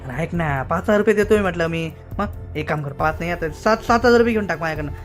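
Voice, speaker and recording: A man's voice: fairly high pitch, fast talker. Pleading man with a Khandeshi accent. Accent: Khandeshi Marathi. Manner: pleading, hushed, bargaining. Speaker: cartoon voice artist. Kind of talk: comic cartoon dialogue. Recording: light music behind the voice.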